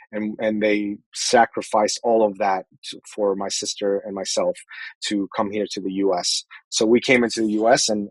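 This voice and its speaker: Man in his 40s from Iran, low voice, earnest and a bit halting, guest telling his life story. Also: no echo, poor audio. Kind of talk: personal storytelling in an interview.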